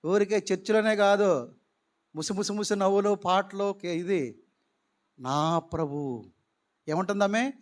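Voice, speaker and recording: A man's voice: sits high, fairly even intonation, normal speed. A man preaching a sermon, asking the congregation questions and dropping in English phrases. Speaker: pastor.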